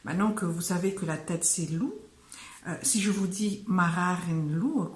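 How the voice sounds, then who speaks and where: A woman teaching phrases in French in a casual online lesson, speaking slowly with many hesitations and fillers. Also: fairly low pitch, reverberant. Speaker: Malagasy language teacher.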